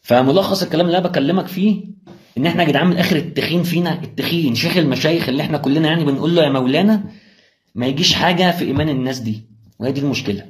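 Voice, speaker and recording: A man's voice: fairly high pitch, rapid-fire, slight background noise. A young man with an Egyptian accent giving a motivational religious talk, firing rhetorical questions straight at the listener. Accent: Egyptian Arabic. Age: young adult. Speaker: preacher.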